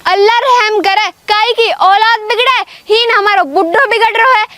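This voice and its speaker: A woman playing a sharp-tongued old village wife, scolding and threatening in a village comedy skit. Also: very high-pitched. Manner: scolding, threatening, fast insults. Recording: loud background noise.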